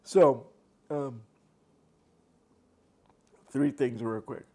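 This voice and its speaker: Extremely slow and darkish, a man's mid-range voice carries this mukbang clip. He eats on camera while chatting at home at a desk by a laptop, rambling with frequent fillers and restarts.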